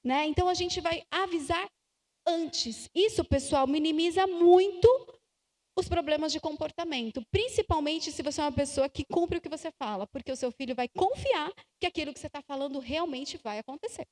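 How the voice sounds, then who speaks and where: A Brazilian woman giving slow, emphatic advice to parents at a church family conference, acting out little dialogues. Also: sits high, a little mellow. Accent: Brazilian Portuguese. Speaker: conference speaker. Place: church hall. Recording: church hall with long reverb.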